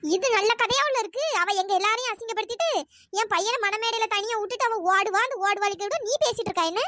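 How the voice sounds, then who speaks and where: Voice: very high-pitched, quick pace, no room sound. Someone voicing a nagging old cartoon aunt. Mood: scolding. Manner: nagging, accusing, shouting insults. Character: scolding older aunt, sharp-tongued mother-in-law. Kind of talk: cartoon story voice acting.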